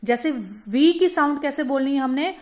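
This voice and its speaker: A woman teaching a phonics lesson for parents, demonstrating each letter sound slowly. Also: high voice, a little mellow.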